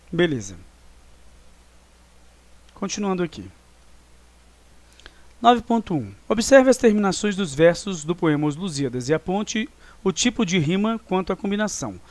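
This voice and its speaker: In a dry, roomless recording, a man with a high voice teaches a review lesson. He has a Brazilian Portuguese accent, explains step by step, and counts syllables aloud.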